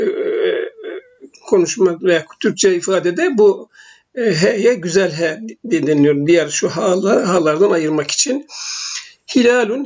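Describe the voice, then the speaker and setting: A man teaching basic Arabic letters in a recorded lesson, speaking slowly and haltingly with frequent filler sounds. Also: high-pitched, slightly rough. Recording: dull lo-fi recording.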